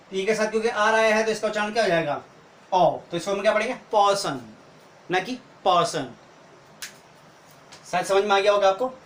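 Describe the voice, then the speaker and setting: High-voiced and a little bright, a man teaching English works through a video lesson in careful steps, often asking rhetorical questions as he goes. Echo from the room and faint noise are audible.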